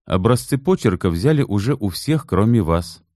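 A patient, tactful male investigator who talks calmly and coaxes gently, as the reader voices him in a storybook. The voice is deep and mellow, recorded dry and close. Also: moderate pace, dry recording. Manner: calm, gently persuasive. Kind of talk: audiobook character voice.

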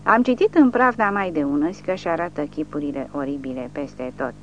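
A woman's voice: deep voice, muffled recording, a little hiss or hum, lightly acted. A woman voicing a crippled drunk man who boasts and gossips. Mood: boasting.

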